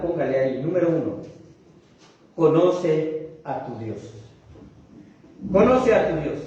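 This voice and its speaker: A man with a Mexican accent preaching a sermon to his congregation, drawing out key words slowly and checking in with them often. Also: on the high side, a little mellow. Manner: addresses the congregation, often tags "¿verdad?"; slow, emphatic phrasing of key words. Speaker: pastor. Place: church sanctuary. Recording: very echoey hall, mic at a distance, dull sound.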